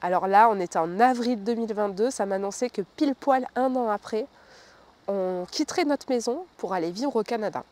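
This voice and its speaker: Woman from France, 30s, relaxed chatty vlogger telling a personal story, often hesitant, speaks softly at times. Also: fairly quick. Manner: chatty, many fillers, lowers her voice at times. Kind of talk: casual storytelling to camera.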